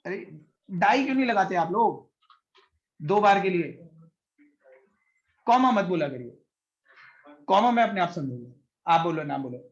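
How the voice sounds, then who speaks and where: High-voiced man teaching chemistry online. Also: lively intonation, measured pace, pauses often, highs cut off. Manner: patient, explaining in Hindi mixed with English; questions students by name. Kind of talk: online class lecture.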